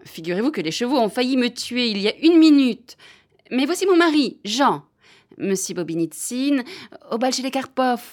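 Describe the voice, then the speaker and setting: An actress playing a quick-witted society lady, breathless and theatrical in a radio drama. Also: fairly high pitch, animated, a little mellow, close to an everyday voice. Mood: gushing.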